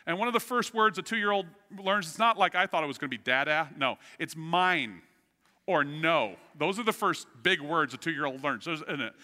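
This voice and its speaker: Man, middle-aged, pastor, sermon, animated storytelling, loud to hushed, long hall reverb. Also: on the high side, moderate pace.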